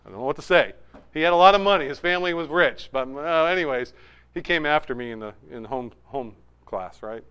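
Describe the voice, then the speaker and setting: A man's voice: a little high, fairly quick, clean tone. A middle-aged man from New Hampshire preaching a conversational sermon, telling personal stories with humor and asides. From New Hampshire, USA. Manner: animated storytelling, with humor and asides. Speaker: pastor.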